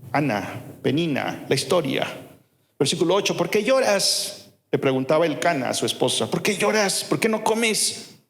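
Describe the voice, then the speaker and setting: A man with a Mexican accent preaching a sermon as pastor, telling a story and moving between lively and hushed delivery. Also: medium pitch, long reverb tail. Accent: Mexican Spanish. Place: church.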